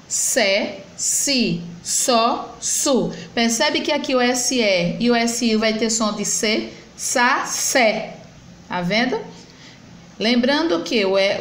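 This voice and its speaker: A woman teaching children to read, drawing out syllables slowly and coaxing them along. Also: a little high. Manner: slow, drawn-out syllables, coaxing and encouraging. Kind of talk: reading-and-writing lesson for children. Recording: echoey room with faint background noise.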